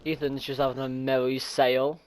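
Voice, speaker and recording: A man's voice: medium pitch, level tone, moderate pace, clear, resonant tone. A man running a tabletop game with friends, laughing often and joking around. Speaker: game master.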